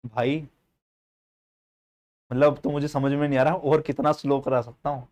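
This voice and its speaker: A man's voice: mid-range voice, flat delivery, normal speed, a little mellow. A man teaching statistics to students in a live online class, explaining step by step, often checking whether they follow, and calling them child and brother.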